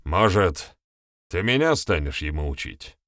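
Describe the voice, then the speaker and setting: A man reading the part of a grey-haired old forest sage who speaks in a calm, measured way. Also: low-pitched, no room sound, clean studio sound, exaggerated voice.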